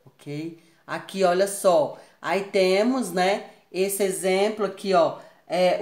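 A Brazilian woman teaching English grammar in a recorded class, patiently checking in with her students after each point. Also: medium pitch. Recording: echoey room.

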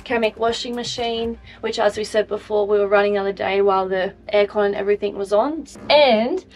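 A young Australian vlogger with a mid-range voice talks briskly as she shows viewers around her caravan. Her casual walk-through chat is upbeat and full of ums and likes, with faint music running underneath.

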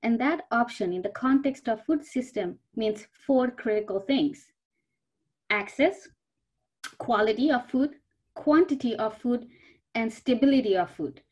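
A woman's voice: a little high, measured pace, a little mellow, slightly rough. A woman in her thirties from Bangladesh, a food security researcher speaking on an online panel with earnest personal storytelling over a video call. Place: indoors before a virtual backdrop.

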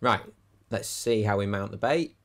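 A man's voice: lowish voice, normal speed, a bit bright, dry recording. Man explaining a fishing setup. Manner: practical, chatty step-by-step explaining. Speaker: angler demonstrating fishing rigs, channel host. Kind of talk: instructional how-to talk. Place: outdoors by a lake on a windy day.

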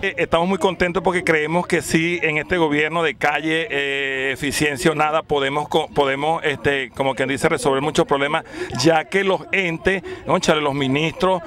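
A man speaking as a commune member in an outdoor street interview, measured and hesitant, into a handheld mic. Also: a little high, steady tone, a bit bright. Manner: measured, with fillers. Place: outdoors at a rural community meeting. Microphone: handheld reporter mic.

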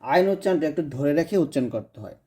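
A man teaching Quran recitation in a tutorial lesson, patiently repeating each sound slowly and drawing it out. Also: a little high, expressive, dark tone. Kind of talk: tutorial lesson explaining letters.

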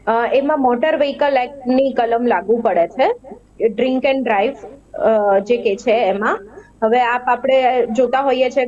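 A woman speaks as a guest expert in a studio discussion. Her voice sits high, and she explains legal points in a measured way, with small hesitations. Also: darkish tone, rough recording.

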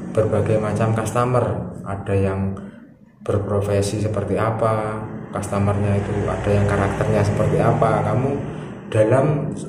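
Low-voiced man giving advice in echoey room. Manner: instructive, speaks to viewer directly. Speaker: barber vlogger giving job tips. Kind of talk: casual advice vlog. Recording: echoey room with loud noise.

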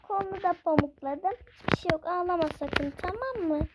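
A girl voicing a gentle young mother who comforts her child again and again in a game role-play. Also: very high-pitched, moderate pace. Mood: soothing. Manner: reassuring, repetitive comforting. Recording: noisy home recording.

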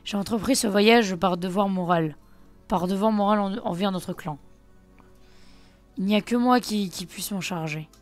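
A woman's voice: medium pitch, normal speed, lightly acted. A woman reading out a grave lone clan survivor. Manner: plain read-aloud game dialogue. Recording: faint music behind.

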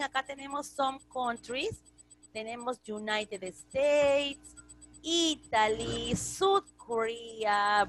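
A Peruvian woman teaches English in an online class from a room at home, an altar visible behind her. Her voice sits on the high side with a sharp edge, and she speaks slowly and patiently, repeating phrases and drawing out English words. The recording quality is low.

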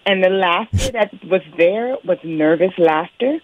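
A woman's voice: on the low side, lively intonation, measured pace, slight background noise. Blunt woman on a tinny phone line. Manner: blunt, frank and exasperated. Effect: heard over a speakerphone line. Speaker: caller, nurse at a pediatrician's office.

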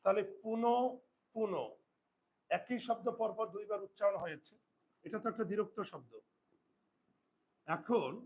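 A male teacher giving a spelling lesson, slowly dictating rules and checking that his students follow. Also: high-pitched, rough recording. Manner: asks students checking questions. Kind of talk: Bengali grammar lesson.

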